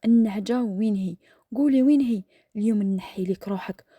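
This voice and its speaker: Mean algerian uncle yelling at a kid , put on by a woman telling a story, breathy, dry. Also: medium pitch, fast talker, dry recording. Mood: menacing. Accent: Algerian Arabic. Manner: menacing, barking demands. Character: cruel shouting rural uncle, middle-aged man.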